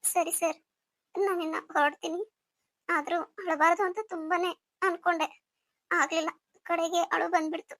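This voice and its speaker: A woman's voice: very high-pitched, level tone, normal speed, long pauses, fairly bright tone, no room sound. A woman voicing a tearful young wife. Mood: anxious. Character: gentle young pregnant wife, anxious and tearful. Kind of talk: melodramatic audio story acting.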